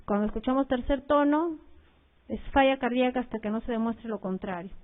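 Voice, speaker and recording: A woman's voice: on the high side, fairly quick. A woman giving a recorded medical lecture, explaining slides with frequent fillers and repeated key points to her students. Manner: explanatory, uses fillers like "este" and "eh". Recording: tinny phone-like audio.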